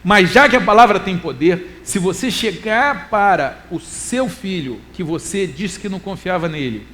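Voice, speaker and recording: A middle-aged Brazilian man preaching a church talk, animated, moving between loud emphasis and quiet asides and reading scripture slowly. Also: high-pitched. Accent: Brazilian Portuguese. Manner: quotes scripture in a slow, deliberate reading voice. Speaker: preacher and lecturer.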